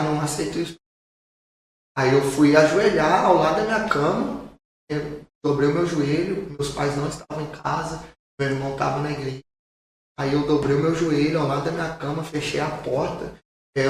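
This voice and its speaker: A pastor with a Brazilian Portuguese accent tells a personal testimony in a podcast, in an earnest storytelling manner and repeating phrases for emphasis. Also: male voice, on the high side, fairly even intonation, a little fast. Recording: very echoey room, distant mic, faint noise.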